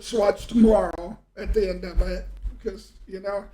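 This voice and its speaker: This podcast host and storyteller is a middle-aged man whose high-pitched voice is warm, fairly even in intonation, and paced at normal speed. Chatting casually, he reminisces and rambles through stories, frequently trailing off partway through a thought.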